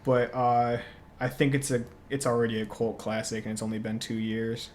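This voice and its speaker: A man co-hosting a podcast, chatting casually about movies, relaxed and quick to laugh. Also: mid-range voice, slight background noise. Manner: relaxed, laughs often, lots of fillers. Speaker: podcast co-host. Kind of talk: casual movie review chat.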